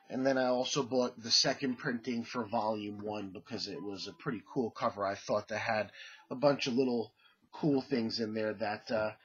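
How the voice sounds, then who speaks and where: Here a man who vlogs about comic collecting walks viewers through his haul while fighting a cold. His talk rambles, packed with fillers and restarts. The voice is medium-pitched, a bit bright, and slightly rough, captured with dull audio.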